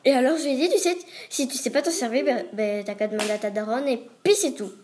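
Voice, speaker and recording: A man putting on a high, quick, gossiping woman's voice to tell an anecdote. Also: darkish tone, a little hiss or hum. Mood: gossipy. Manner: quick chattering delivery.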